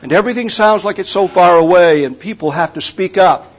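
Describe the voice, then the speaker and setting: A man's voice: sits high, fairly quick. Older man preaching a folksy sermon. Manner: folksy storytelling with humor. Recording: dull lo-fi recording.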